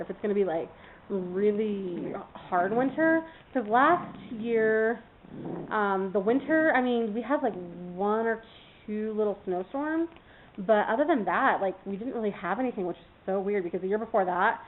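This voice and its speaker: A woman's voice: mid-range voice, expressive, normal speed, slight background noise. Woman vlogger from California, rambling casual chat, thin phone-like recording. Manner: rambling, many fillers, talks to her puppy. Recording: tinny phone-like sound.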